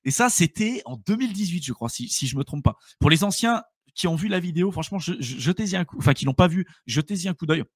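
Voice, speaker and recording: A man's voice: a little high, animated, fast, hardly any pauses, slightly rough, dry recording, clean studio sound. A man co-hosting a live crypto stream, telling stories in loose, slangy casual chat with lots of fillers.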